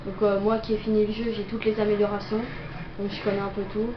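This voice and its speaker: At a quick pace and in a level, medium-pitched tone, a young woman narrates gameplay on the fly, hesitating and leaning on fillers. A cold has her coughing. The recording is noisy, roomy and dull, clearly lo-fi.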